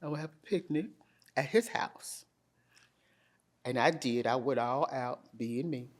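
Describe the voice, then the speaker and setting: Animated woman telling her story. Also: rumbling low, unhurried. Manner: lively, animated, quoting herself with emphasis. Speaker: interview guest. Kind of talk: candid storytelling.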